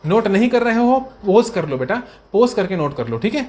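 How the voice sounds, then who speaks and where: A man tutoring accountancy students in a brisk revision lecture. He repeats key points and answers his own questions in a student's voice. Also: high voice, big pitch swings, darkish tone. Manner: fond, coaxing tone toward students.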